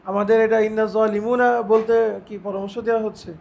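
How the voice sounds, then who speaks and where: A man teaching a religious lesson, reciting Arabic phrases slowly and putting questions to his students. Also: sits high, level tone, a little mellow. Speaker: Islamic teacher.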